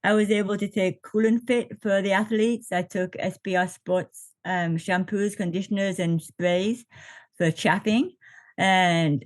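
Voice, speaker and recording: In her late fifties, this podcast guest, an ultra triathlete, chats casually over a video call, laughing often and using plenty of fillers. Her medium-pitched voice stays steady and a little slow, and the recording sounds dry.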